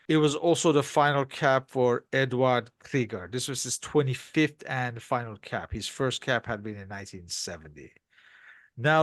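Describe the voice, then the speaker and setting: A man's voice: mid-range voice, a bit bright, no room sound. A man co-hosting a podcast interview, asking questions and reading out team lineups and statistics. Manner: reads lineups and stats in listing fashion. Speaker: podcast co-host.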